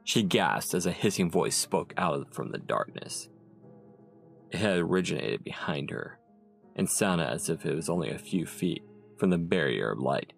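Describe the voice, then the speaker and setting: Male audiobook narrator, low gravelly voice, music bed. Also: lively intonation, normal speed. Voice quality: gravelly, very deep. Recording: narration over soft music.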